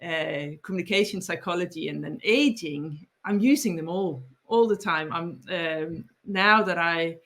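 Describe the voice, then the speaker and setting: This podcast guest, a Danish author in her forties, talks unhurriedly yet with hardly any pauses, her lowish voice fairly bright. She thoughtfully explains her ideas in a Danish accent, often restarting and repeating herself.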